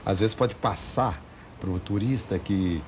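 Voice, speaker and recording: A Brazilian man hosting an interview, chatty and quick to interject while reading out listener questions. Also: low voice, darkish tone, a little hiss or hum. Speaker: interview host.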